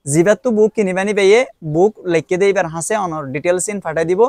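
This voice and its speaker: Man, young adult, Rohingya accent, high voice, hesitant explainer, dry sound. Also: fast talker, a little mellow, no echo. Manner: explains step by step with frequent hesitations. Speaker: book reviewer. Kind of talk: casual spoken product review.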